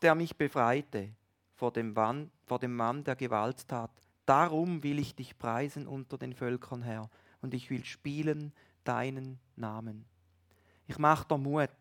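A man with a mid-range voice preaches a sermon straight to his listeners, shifting between loud emphasis and hushed lines.

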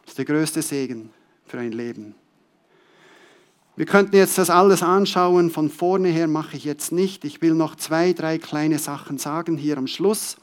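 A man preaching a sermon to a congregation, repeating key words and swinging between loud, stressed phrases and soft drops. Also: on the high side, a little slow.

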